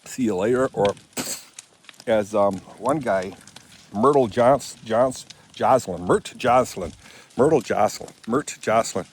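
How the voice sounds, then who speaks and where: This vlogger is a man in his seventies from Michigan, USA, speaking at a slightly slow pace in a fairly low voice with some faint background noise. He chats loosely while doing outdoor work on rural property, frequently correcting himself, and records it all on a handheld phone.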